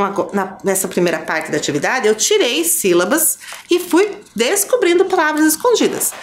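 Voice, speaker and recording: A Brazilian woman teaching young children, her fairly high voice rising and falling in a lively sing-song way. She counts and spells slowly and clearly, over a faint hum of background noise. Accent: Brazilian Portuguese. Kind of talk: children's lesson on a school TV channel.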